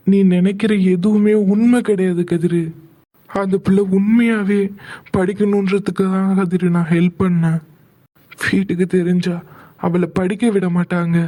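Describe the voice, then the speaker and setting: A man voicing a gentle young man in a cartoon, pleading earnestly with his brother in a high voice. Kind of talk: cartoon voice acting.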